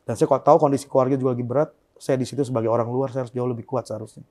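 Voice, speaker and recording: Young man, interview guest, quick speech, mellow dark tone, soft and subdued. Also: mid-range voice, steady tone. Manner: soft, subdued, often trailing off quietly. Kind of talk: emotional interview storytelling.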